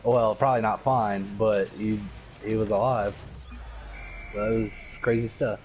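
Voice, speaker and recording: Rambling low-voiced man chatting over a game. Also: steady tone, measured pace, darkish tone, soft background music. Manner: rambling, heavy use of "like" fillers. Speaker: gaming video co-host. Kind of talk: casual chat while playing.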